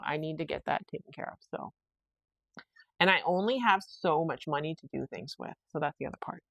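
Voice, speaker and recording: Recorded dry, a woman with a low, gravelly voice hosts a rambling solo podcast chat. She works a problem out aloud, talks to herself while fixing things, quotes herself, laughs often, and fills her speech with fillers and restarts.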